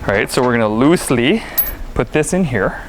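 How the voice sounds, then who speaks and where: A man's voice: mid-range voice, lively intonation, a little fast, background noise. A man co-hosting a car show, chatting casually and explaining each step as he works on a car in a garage. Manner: joking, explains steps as he works. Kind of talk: casual garage chat while working.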